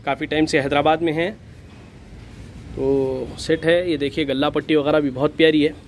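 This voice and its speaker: A fairly high-pitched man shows a goat for sale in an outdoor pen, talking in a flat, even tone. He films on a handheld phone, and faint street noise runs underneath. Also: normal speed. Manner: flat, steady, repeatedly says "bhai". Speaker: goat farm seller. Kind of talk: casual sales walkthrough.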